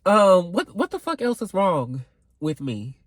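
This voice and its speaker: Young guy in his 20s venting on camera, super expressive voice jumping all over, curses a lot, dry close sound. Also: high voice, measured pace, no room sound, low-quality recording. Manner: animated and expressive, swearing freely, rambling with fillers. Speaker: vlogger. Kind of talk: casual venting rant to camera.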